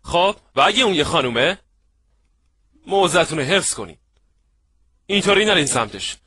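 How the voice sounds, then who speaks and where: A man giving an animated seminar lecture on networking, acting out little scenes and checking that his audience follows. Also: fairly high pitch, a little hiss or hum. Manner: lively, acts out little scenes, asks the audience if they follow. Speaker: networking trainer.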